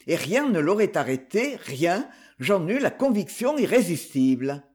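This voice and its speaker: A man voicing a slight, calm husband who tells a grim story in a light, coolly ironic tone, read as an audiobook. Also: high voice, measured pace. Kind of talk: audiobook reading.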